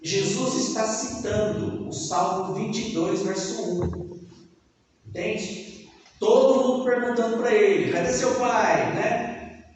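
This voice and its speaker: High-voiced preacher in an echoey hall. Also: male voice, slow pace, a little mellow. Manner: reads scripture then explains it, acting out mocking crowds; addresses the congregation with questions. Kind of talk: sermon. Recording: echoey hall, distant mic, faint noise.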